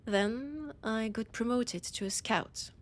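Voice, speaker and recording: In a scripted roleplay audio drama monologue, a French-accented woman voices an ancient vampire scholar who is proud and teasing. Her slightly high voice is deliberate and frequently drops into breathy whispers, with a fond, amused mood.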